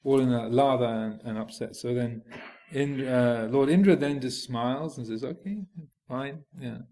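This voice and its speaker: Brief: male monk, mid-pitched voice, relaxed reflective teaching, halting storyteller. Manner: unhurried, hesitant, many fillers and restarts while storytelling. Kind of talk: reflective Buddhist teaching narration.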